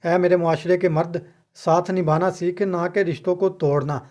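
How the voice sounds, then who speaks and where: A man reading a scripted moral story aloud in a steady, dramatic storyteller manner. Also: high-pitched, moderate pace.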